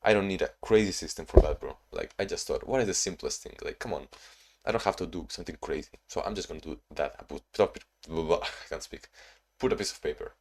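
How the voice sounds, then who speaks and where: Short on sleep, this young Spanish-Ukrainian vlogger rambles to his camera in non-native English (his first language being Spanish or Ukrainian), reflecting on himself and restarting often. He speaks briskly in a low, slightly mellow voice with barely a pause, over slight background noise.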